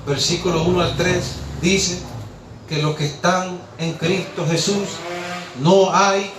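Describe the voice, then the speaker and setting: A man's voice: sits high, fairly even intonation, takes it slowly, noisy background. A man preaching a sermon, impassioned, rhetorical and scolding. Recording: echoey room, distant mic, faint ambience.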